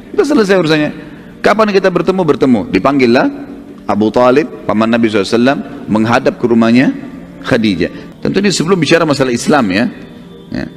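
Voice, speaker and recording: Fast-talking male preacher, echoing hall. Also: medium pitch. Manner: conversational, frequent tag phrases, acts out dialogue. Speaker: Islamic preacher. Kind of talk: storytelling religious lecture. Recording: long hall reverb.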